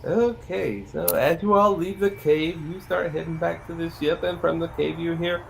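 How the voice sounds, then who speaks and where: A man's voice: fairly high pitch, steady tone, moderate pace, creaky, slight background noise. A man working as game master, casually narrating a tabletop game and asking players for their moves.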